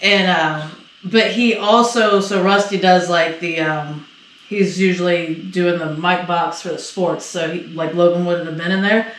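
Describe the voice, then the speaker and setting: Middle-aged woman podcasting, animated storyteller, swears a lot, kinda far off the mic in an echoey room. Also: fairly low pitch, unhurried. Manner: animated storyteller, acts out quotes, swears freely. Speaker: podcast co-host. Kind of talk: casual storytelling chat.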